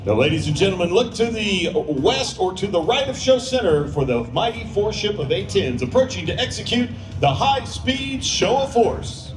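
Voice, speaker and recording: A man's voice: high-pitched, sing-song, normal speed, hardly any pauses, music in the background. A man giving emphatic, scripted airshow commentary like an announcer over a public address system. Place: outdoor airshow over loudspeakers. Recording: echoey PA, heard from far off.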